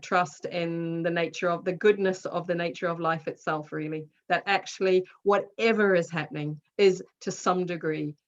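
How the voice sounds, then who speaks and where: A woman with a New Zealand accent, a guest speaking slowly and gently about spiritual ideas over a recorded call. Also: on the low side, highs cut off. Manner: slow, gentle, spiritual musing. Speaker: guest, author and colour healer. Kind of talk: reflective conversation on a call.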